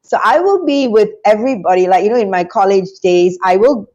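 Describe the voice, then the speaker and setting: As a guest on a video call, a middle-aged business school founder from Singapore talks through her life story, picked up by a lapel mic in a small room. Her voice is medium in pitch and fairly quick, the sound is lo-fi, and she narrates animatedly with hand gestures.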